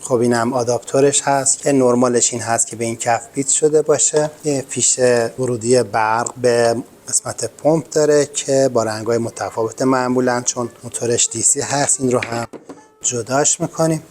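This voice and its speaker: A man hosting a repair channel, giving a calm, polite step-by-step tutorial. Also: mid-range voice, a little hiss or hum. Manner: calm, polite and methodical explaining. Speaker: host of a home repair channel.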